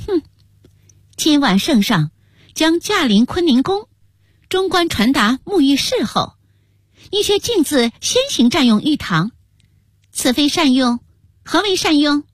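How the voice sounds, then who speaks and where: A woman storyteller voicing a haughty, jealous young empress who scolds scornfully in high, sharp tones. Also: big pitch swings, measured pace, pauses often, dry recording, clean studio sound, exaggerated voice. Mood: scornful, scolding.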